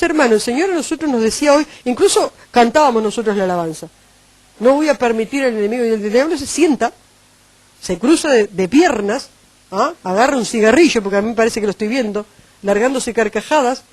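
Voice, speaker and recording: A woman with a Uruguayan Spanish accent preaching a sermon, animated and acting out the voices she quotes. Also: fairly high pitch, a little fast, dry recording.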